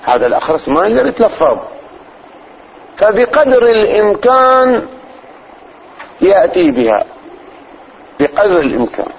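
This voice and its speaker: A man, teaching religious law as a sheikh. He explains slowly, repeats phrases and demonstrates pronunciation. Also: high-pitched, sing-song, creaky, highs cut off, a little hiss or hum. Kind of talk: religious lesson.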